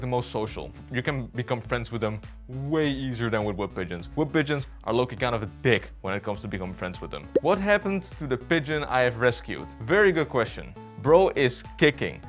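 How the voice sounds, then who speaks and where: A man's voice: medium pitch, lively intonation, normal speed, hardly any pauses, soft background music. A man in his twenties from Bolivia answering viewer questions in a casual, unscripted chat from his bedroom, slangy, with lots of "like" and the odd swear word. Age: 20s. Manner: laid-back slangy chat with frequent "like" fillers and swearing.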